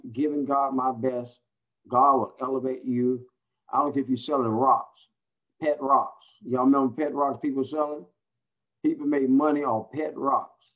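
Preacher man in his 60s, exhorting the church over a tinny video call. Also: medium pitch. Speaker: bishop, pastor. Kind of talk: closing remarks to congregation. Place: home, indoors.

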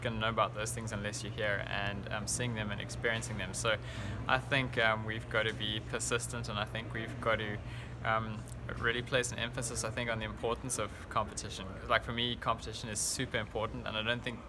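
A man's voice: on the low side, flat delivery, a little fast, few pauses. A man in his thirties with a South African accent, a coach talking casually in an interview. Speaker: team coach. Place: indoor convention venue. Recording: clear background noise, busy event venue.

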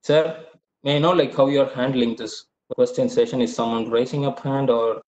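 A man's voice: medium pitch, steady tone, moderate pace, a little mellow. A young man with a South Indian accent, a native Tamil speaker, explaining informally and a little hesitantly as a webinar guest speaker. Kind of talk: webinar presentation and Q&A. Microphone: online call microphone. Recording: roomy, dull video-call audio.

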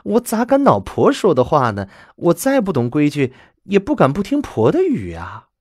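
A man voicing a timid, deferential young bride of nineteen, speaking softly and humbly. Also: fairly high pitch, wildly swooping pitch, normal speed, no room sound, clean studio sound, pitched above the performer's own voice. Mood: humble. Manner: soft, humble, eager to please.

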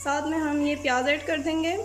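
A woman calmly explaining a recipe step by step as a cooking channel host. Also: high-pitched, fairly quick, noisy background. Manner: calm, plain, methodical. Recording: loud frying sizzle behind voice.

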